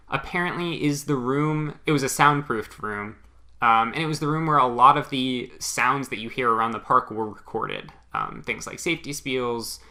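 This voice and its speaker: A man's voice: mid-range voice, sharp tone. A young man co-hosting a casual chat show, rambling along with dry jokes. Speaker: podcast co-host, former theme park worker.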